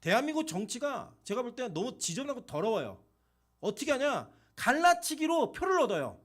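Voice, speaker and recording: A male pastor preaching a sermon in an animated, conversational way, full of rhetorical questions. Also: extremely high pitch, a little fast.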